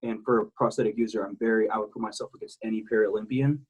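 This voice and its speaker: A man's voice: lowish voice, fairly even intonation, quick pace, darkish tone, husky, low-quality recording. A man from South Texas talking casually as a podcast guest, candid and rambling, swearing freely. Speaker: guest, military veteran.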